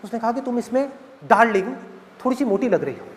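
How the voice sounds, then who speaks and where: A man's voice: extremely high pitch, lively intonation, brisk, slight background noise. A man voicing an indignant young newlywed woman who complains dramatically, in a reverberant hall with an audience.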